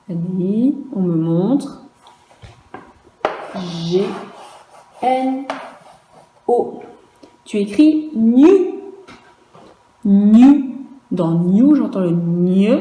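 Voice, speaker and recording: Slow, dark-voiced woman teacher. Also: medium pitch, roomy sound, slight background noise, poor audio. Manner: slow and careful, spelling out letters one by one and repeating each word. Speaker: primary school teacher. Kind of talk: virtual dictation lesson for young children.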